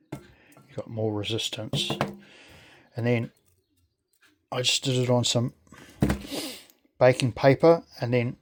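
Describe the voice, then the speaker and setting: Slow-talking New man. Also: medium pitch, slight background noise. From New Zealand. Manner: halting, friendly, unhurried. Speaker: video creator. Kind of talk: casual how-to demonstration.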